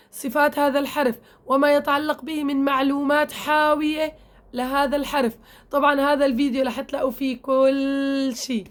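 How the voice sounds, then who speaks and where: High-voiced woman teaching Quran recitation. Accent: Levantine Arabic. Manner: explanatory, checks in with "okay?" often, demonstrates sounds. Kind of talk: tajweed lesson, addressing female learners.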